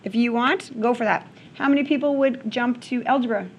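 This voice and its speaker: A fairly high-pitched woman teaching a math lesson to a room of students. She talks through each step aloud and keeps checking in with the class. A faint hum of ambient noise sits under her voice. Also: brisk, muffled recording. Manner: checks in with questions, frequent "okay?".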